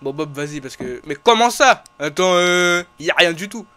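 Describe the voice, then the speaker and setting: Excitable scared horror game streamer, bright-voiced man. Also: sits high, moderate pace, faint music behind. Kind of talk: casual French gaming commentary with slang.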